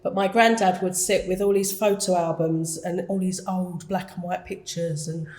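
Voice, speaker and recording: Down-to-earth Essex woman, lower voice. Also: steady tone, moderate pace. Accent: Essex English. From Essex, England. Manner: down-to-earth, warm storytelling with hesitations. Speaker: guest artist. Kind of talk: casual interview chat.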